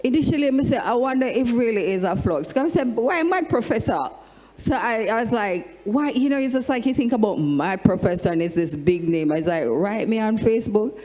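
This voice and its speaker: A Jamaican woman, a singer on a discussion panel, telling animated stories and breaking into sung lines. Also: on the high side, brisk. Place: large hall with an audience. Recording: long hall reverb.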